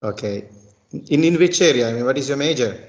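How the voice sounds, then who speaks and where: A man's voice: medium pitch, animated, brisk. A man from Sri Lanka who works as a tutor, chatting casually in English practice and often repeating words and restarting. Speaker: tutor and teacher.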